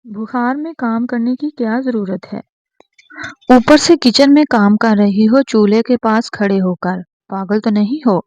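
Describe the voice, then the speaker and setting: A woman reading the part of a stern, commanding young husband who scolds loudly and insists on having his way. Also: high-pitched, creaky, dry recording. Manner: stern, raises voice.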